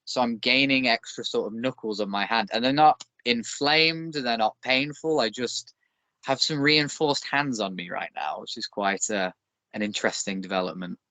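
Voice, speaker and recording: A medium-pitched voice with a sharp tone and moderate pace belongs to a bare knuckle boxer in his thirties from Northern England, speaking with that region's accent. He's a guest in a casual interview chat, self-deprecating and dry, recorded with no echo.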